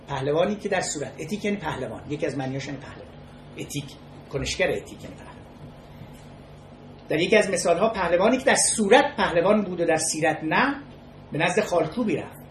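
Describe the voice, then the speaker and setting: Halting, measured lecturer in an echoey room. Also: medium pitch. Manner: measured and halting, restating key words and pausing between phrases. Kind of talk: spoken lecture on ethics with storytelling. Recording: echoey room with faint noise.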